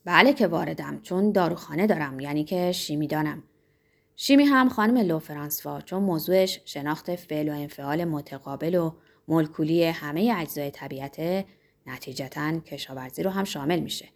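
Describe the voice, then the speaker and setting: A woman's voice: low voice, gravelly, pitched below the performer's own voice. A woman doing a pompous lecturing male pharmacist. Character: pompous self-important middle-aged male pharmacist.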